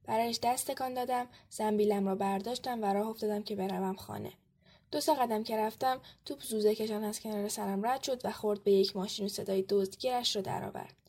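A woman on a podcast, reading a story aloud with steady first-person narration. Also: medium pitch, slightly rough. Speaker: podcast co-host.

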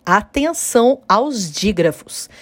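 A woman gives an online literature lesson, explaining clearly and slowing down to sound out syllables. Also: mid-range voice, big pitch swings, no echo. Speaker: literature teacher. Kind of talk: online lesson on poetic meter.

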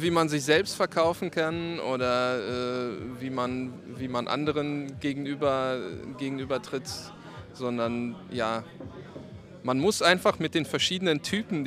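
A man in his thirties, a software developer, giving thoughtful, measured interview answers outdoors. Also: medium pitch. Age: 30s. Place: outdoors at a summer party.

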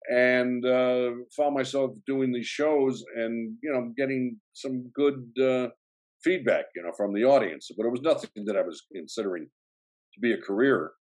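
A man with a mid-range, slightly mellow voice talks at a moderate pace. An actor from Chicago's south side with a strong local accent, he tells his story as an interview guest, rambling with plenty of "you know" fillers and restarts.

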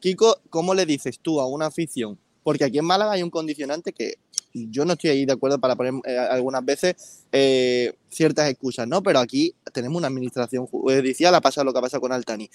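A man's voice: medium pitch, fast, darkish tone, dry recording. A man on a football debate panel who explains his view at length and disagrees firmly.

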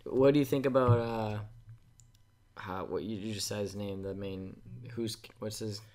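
Laid-back low-voiced male co-host. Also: fairly even intonation, a little mellow. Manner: laid-back, chatty, quick to laugh. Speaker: podcast co-host. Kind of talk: casual chat.

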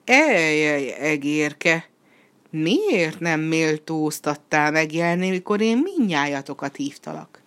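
A woman voicing a boastful, hot-tempered male red devil in a storybook reading, with a booming, swaggering delivery. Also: animated. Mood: angry.

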